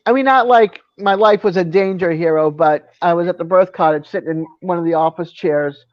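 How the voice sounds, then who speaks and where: A man telling a story on a casual live chat, animated and laughing often. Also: sits high, fairly quick, no room sound. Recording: dry, dull lo-fi sound.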